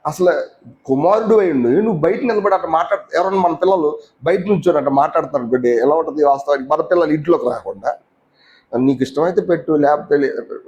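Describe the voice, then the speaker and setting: A man's voice: fairly high pitch, darkish tone, highs cut off. A man preaching a teaching sermon in a conversational way, often asking the listeners questions and mixing in English words.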